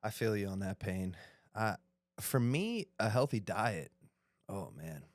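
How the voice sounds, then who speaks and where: A man's voice: fairly low pitch, very animated, a little slow, no room sound. A man co-hosting a casual group podcast, enthusiastic and full of slang. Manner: enthusiastic, slangy, calls people dude. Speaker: podcast co-host.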